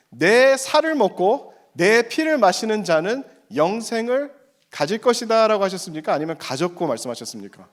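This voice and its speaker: High-pitched, animated Korean-American male preacher. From United States. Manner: rhetorical questions, emphatic slow repetition. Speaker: pastor preaching. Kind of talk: interactive sermon to a congregation.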